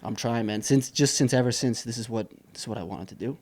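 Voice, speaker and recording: As a guest in a casual interview, a young man who runs a business in Saipan describes his journey quickly in a mid-range voice. He rambles in a relaxed way, full of fillers and restarts.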